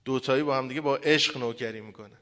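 Guy cleric giving a sermon, fiery then hushed and mournful, long hall echo. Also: medium pitch. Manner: impassioned preaching, then softer mournful recitation.

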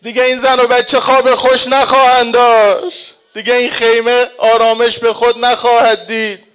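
A man preaching a mourning sermon, chanting the lament slowly and drawn-out, swinging between hushed and loud. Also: very high voice, flat delivery, clean tone, faint music behind. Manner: slow, drawn-out delivery.

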